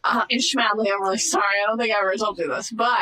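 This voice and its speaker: A woman's voice: mid-range voice, fast. A young woman co-hosting a podcast, telling stories with lots of laughter. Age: young adult. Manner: animated, laughing storyteller. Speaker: podcast co-host. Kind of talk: casual chat.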